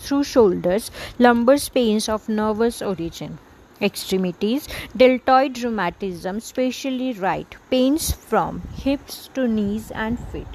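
A woman reading entries from a homeopathy reference book aloud, listing short phrases in a slow, measured way. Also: on the high side, expressive, darkish tone, slight background noise, poor audio.

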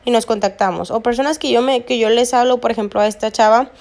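This network marketing vlogger, in her 20s, speaks fast in a fairly high, gravelly, somewhat mellow voice. Narrating a screen-recorded phone tutorial, she chats along and restates her points for emphasis.

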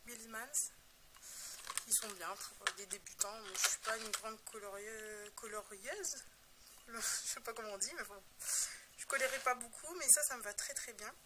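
A woman's voice: on the high side, normal speed, heavy background noise. A young woman casually showing her scrapbook album, talking in a rambling, hesitant way with many fillers and self-deprecating asides. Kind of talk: casual show-and-tell narration.

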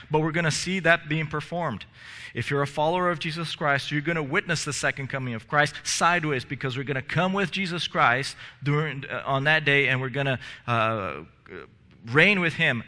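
A pastor in his thirties delivers a sermon in a church sanctuary, standing in front of the stage steps. His voice is strikingly bright and a little high, and he speaks earnestly while stumbling into restarts and repeated words. He wears a headset mic, and a long hall reverb trails after him.

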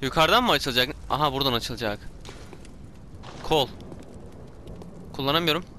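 A man commenting on his own gameplay, talking to himself, yelling and swearing when startled, his throat sore from shouting. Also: mid-range voice, normal speed, a little hiss or hum. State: hoarse from shouting. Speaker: gameplay streamer.

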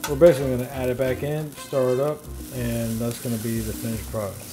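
A man's voice: mid-range voice, level tone, quick pace. A man hosting his cooking channel, casually talking viewers through each step as he cooks at an outdoor griddle. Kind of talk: casual cooking demo narration.

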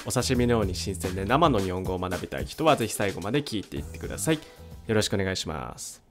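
A man hosting a language-learning podcast, explaining a topic in a clear, unhurried monologue with frequent soft "un" fillers. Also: low-pitched, expressive, faint music behind. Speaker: podcast host teaching Japanese. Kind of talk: solo educational podcast monologue.

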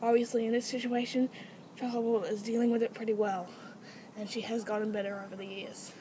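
A woman's voice: a little high, level tone, fast talker, warm tone, slight background noise, poor audio. A teenage girl explaining guinea pig training at home, switching to coaxing, sing-song calls to her pets. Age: teens. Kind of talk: casual home tutorial.

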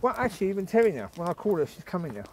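A man's voice: high-pitched, sing-song, very fast, a little hiss or hum. A man chatting casually as he walks his dogs outdoors along a countryside path, rambling and often restarting or trailing off. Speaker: vlogger and dog owner. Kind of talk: walk-and-talk vlog.

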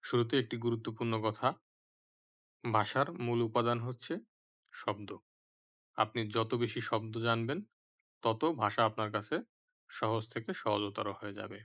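A man teaching vocabulary, saying each word twice with careful, clear pronunciation. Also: fairly low pitch, level tone, a little slow, pauses often, fairly bright tone. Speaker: language teacher. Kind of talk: slow vocabulary lesson.

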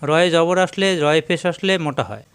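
A man gives a step-by-step Quran recitation lesson, sounding out syllables one at a time in a slow, drilling way. His voice is smooth and clear, a little higher than most men's.

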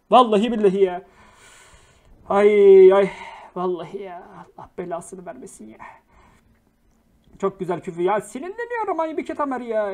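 A young man hosting a casual livestream, reading viewer messages, swearing freely and flaring into angry rants before apologizing. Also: high voice. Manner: slangy, jokey, affectionate with viewers. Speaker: livestream host.

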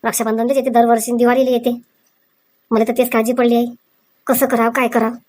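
A woman plays her part in a village comedy sketch. Her voice is fairly high, and she talks in a brisk, scolding way, full of worry and instructions. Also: flat delivery, a little mellow. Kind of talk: comic sketch acting.

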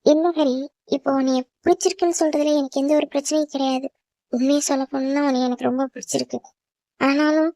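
A woman's voice: high-pitched, dark tone, dry recording, studio quality. A woman voicing an anxious, emotional young orphaned woman in a cartoon drama. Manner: pleading, emotional.

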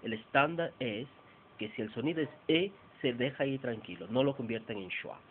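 A man from Peru teaching English pronunciation in a bilingual lesson, slowly over-articulating and repeating example words. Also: mid-range voice. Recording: tinny lo-fi phone-like sound with faint noise.

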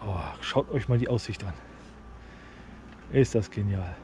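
A man's voice: fairly low pitch, unhurried, mellow, a little hiss or hum. A man giving casual, appreciative, unscripted vlog commentary while sightseeing on foot. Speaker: vlogger. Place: outdoors, walking around an open castle ruin.

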